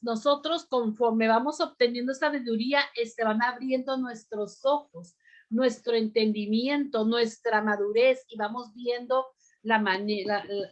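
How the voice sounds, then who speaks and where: Slow, deliberate woman teaching a bible lesson. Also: on the high side. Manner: slow, deliberate, repeats "amén" and asks the group questions. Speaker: women's ministry teacher.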